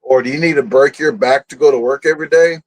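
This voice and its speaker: A man's voice: medium pitch, quick pace, poor audio. A man, a guest telling stories in a casual interview, blunt and boastful, often laughing at himself. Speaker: guest, food and camping content creator.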